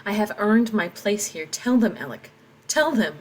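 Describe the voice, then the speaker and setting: Woman reading old farmer man, desperate, pleading, emphatic, low-ish. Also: fairly quick, a little hiss or hum, natural voice, poor audio.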